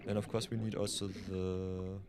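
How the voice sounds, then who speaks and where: Low-voiced Austrian man streaming a game. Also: little pitch movement, moderate pace, noisy background. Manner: chatty, thinking aloud. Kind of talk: live gameplay commentary.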